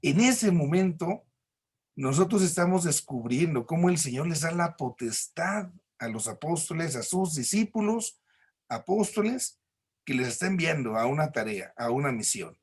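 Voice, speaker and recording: A man's voice: fairly high pitch, very animated, moderate pace, slightly rough. A man with a Mexican accent teaching a recorded church class, explaining patiently with homely examples and frequent tag questions.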